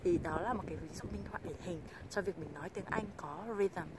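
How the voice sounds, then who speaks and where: A woman from Vietnam teaching English pronunciation in a video lesson, patiently explaining and slowly modeling example sentences. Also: on the low side, noisy background. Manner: patient, repeats example phrases slowly and clearly.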